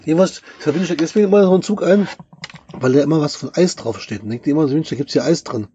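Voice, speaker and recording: A man's voice: a little high, quick pace, warm tone, slight background noise. A middle-aged man in casual chat with his partner, teasing her and rambling on with amusement. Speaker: vlog host, partner. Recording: dull muffled dry sound.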